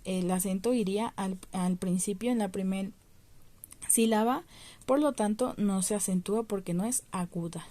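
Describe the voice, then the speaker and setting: A woman's voice: mid-range voice, warm tone. A woman teaching a primary school lesson, patiently explaining step by step and stretching out the stressed syllables. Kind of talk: recorded remote lesson.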